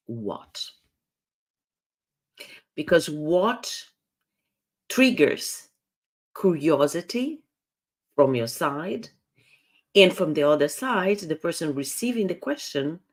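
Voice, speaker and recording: A woman coaching live on handling difficult conversations, speaking in an earnest, explanatory way with frequent restarts. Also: fairly low pitch. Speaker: communication coach.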